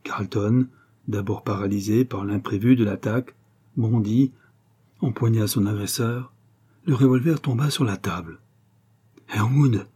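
A man narrating a French literary story as an audiobook, in a measured, even way. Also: on the low side, breathy edge.

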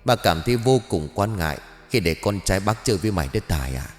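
A man voicing a grumpy, crude old male ghost who scolds and pries, in a gruff manner in a spoken horror-comedy story. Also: low voice, expressive, fast talker, in a large hall, soft background music. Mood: scolding.

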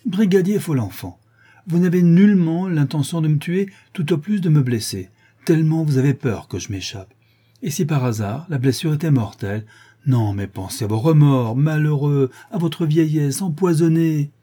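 A suave gentleman thief, put on by a male reader, teasing and grandiloquent in a raised, bright-edged tone. The voice stays husky and mellow underneath, full of ironic flourish. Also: fairly high pitch, moderate pace, pitched above the performer's own voice. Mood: taunting. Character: suave, mocking gentleman thief, adult man.

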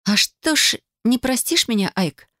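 Audiobook role: man reads defiant sarcastic wife, raised pitch, dry close read. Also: expressive, measured pace, bright, forceful tone, dry recording. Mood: sarcastic, accusing. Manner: sarcastic, accusing. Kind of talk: audiobook character voice.

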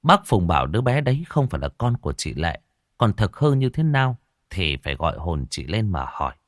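A man narrating a story in a scripted, expressive style. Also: deep voice, a little fast, dry recording, clean studio sound.

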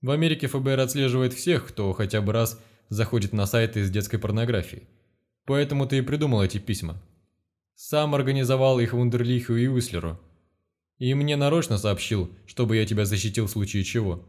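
A man's voice: medium pitch, fairly quick, a little mellow, close to an everyday voice. A stern, commanding male investigator, read by a man narrating the book. He speaks bluntly and with open contempt, close to the reader's own voice. An audiobook character reading. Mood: lecturing.

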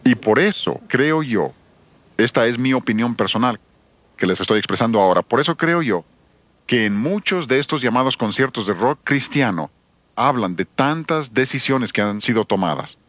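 A man's voice: medium pitch, animated, normal speed, a bit bright, no room sound. A man giving an emphatic sermon-style seminar talk on church music, addressing listeners with rhetorical questions.

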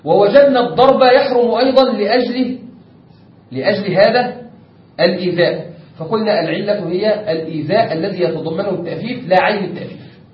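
A man's voice: high voice, fast. Egyptian man lecturing in an echoey room. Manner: explains step by step, asks the class rhetorical checks. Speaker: teacher of Islamic jurisprudence. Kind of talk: classroom lecture. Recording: echoey room, distant lo-fi mic with faint noise.

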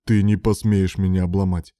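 An insecure, passionate young male patient, as a male narrator puts him on, sounding hurt and insistent. The voice stays low and dark, close to the reader's own, in a dry recording. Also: level tone, moderate pace, no echo, close to an everyday voice. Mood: urgent.

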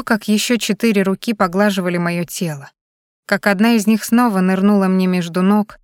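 A woman narrating an erotic novel in the first person, with an unhurried, intimate reading. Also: on the low side, no room sound, studio quality. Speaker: audiobook narrator.

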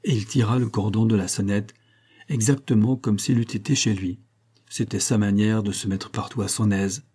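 A man reading a classic novel aloud in a measured, even narration. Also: on the low side, husky. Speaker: audiobook narrator. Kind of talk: literary audiobook narration.

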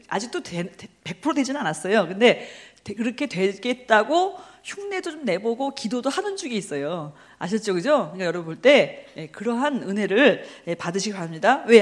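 A middle-aged woman preaches at a Bible study in a fairly high voice that swoops up and down. She keeps throwing questions at her listeners and answering them herself. She laughs often as she tells her stories. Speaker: missionary preacher.

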